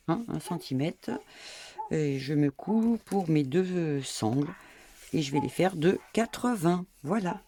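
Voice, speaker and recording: A woman's voice: fairly low pitch, gravelly, darkish tone, a little hiss or hum. A middle-aged woman talking her viewers through a sewing tutorial as she works, chatty and self-mocking, peppering her steps with "hop" and "voilà".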